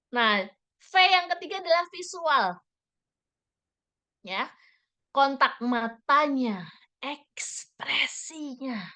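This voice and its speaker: Bright high-voiced woman trainer. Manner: lively, asks the audience many questions. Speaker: trainer leading a parenting workshop. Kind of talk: interactive workshop talk.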